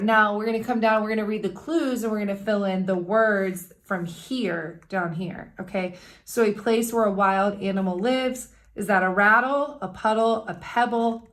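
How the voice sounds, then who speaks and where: A woman teacher talks her class through the day's work at a steady, middle-pitched register. She explains each step with patience and keeps pausing to check that the students are following along. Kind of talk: recorded classroom instructions.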